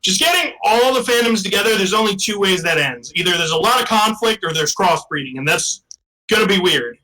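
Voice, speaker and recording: A man's voice: sits high, lively intonation, brisk, sharp tone, poor audio. A man in his thirties co-hosting a comedy podcast, rambling through jokes and mocking himself in casual banter. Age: 30s. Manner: rambling, joking, self-mocking. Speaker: podcast co-host.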